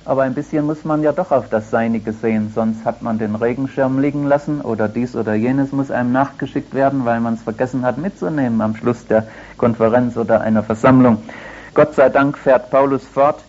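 A man's voice: mid-range voice, fairly even intonation, brisk. Older man preaching, dull radio sound. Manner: conversational, anecdotal preaching with gentle humor. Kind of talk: sermon.

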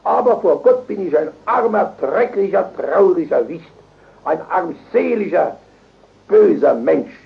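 An older man preaching a fervent revival sermon, emotional and surging to loud, high exclamations, on a dull old tape recording. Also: expressive, unhurried, vocal fry.

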